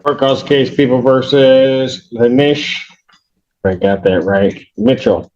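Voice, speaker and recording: A man serving as judge, speaking in a measured, formal way through court proceedings, heard in a courtroom recording. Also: mid-range voice, darkish tone. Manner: measured, formal, reads plea terms aloud. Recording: muffled courtroom recording with faint clicks.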